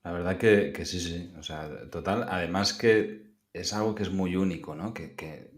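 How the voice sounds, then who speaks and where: Low-voiced podcast host. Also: male voice, normal speed. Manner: relaxed, chatty, many fillers. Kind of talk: casual interview chat.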